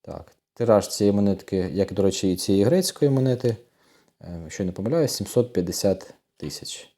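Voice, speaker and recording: Male host for casual unboxing chat, lowish warm voice, chatty and unhurried, talks straight to his viewers. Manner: chatty, often addresses viewers as friends, thinks aloud. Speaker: coin collector channel host.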